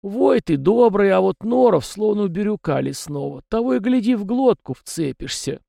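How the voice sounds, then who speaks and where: A man reading an audiobook, voicing a stern, gruff old male elder who speaks sharply. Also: high voice, lively intonation, normal speed, warm tone, dry recording, studio quality, voice pushed up, exaggerated voice.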